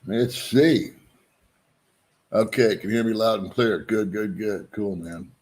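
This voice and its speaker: A middle-aged vlogger hosts a relaxed live stream, talking to his viewers in a somewhat low, husky voice at a measured pace. Joking and self-deprecating, he greets people by name as they join.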